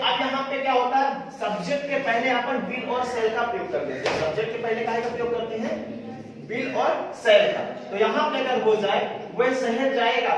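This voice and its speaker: A man with a very high voice teaches a grammar class. He asks questions, answers them himself and repeats each example slowly. He is recorded from a distance in a very echoey room with a long reverb tail.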